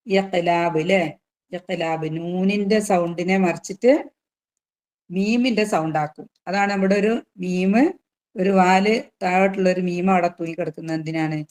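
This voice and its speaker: A woman teaching a tajweed class, patiently explaining rules and asking students questions, drawing out recited examples slowly. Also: on the low side, steady tone, darkish tone.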